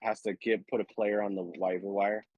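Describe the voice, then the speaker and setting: A man chatting casually on a podcast, halting and trailing off as he pitches ideas. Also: flat delivery, darkish tone, no room sound, dull audio.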